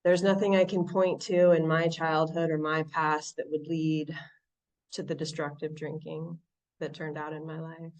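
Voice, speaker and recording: Speaking from home at an online recovery meeting, a Southern Californian woman with an American accent shares her personal story reflectively, often pausing, restarting and using fillers. Her voice is low, level and somewhat dark, and the audio is poor, captured by a distant mic.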